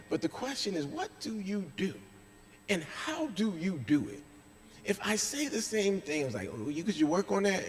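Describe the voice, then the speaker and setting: A man, a pastor, preaching a sermon with emphatic delivery that swings between loud stretches and hushed ones. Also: high voice. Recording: echoey church hall.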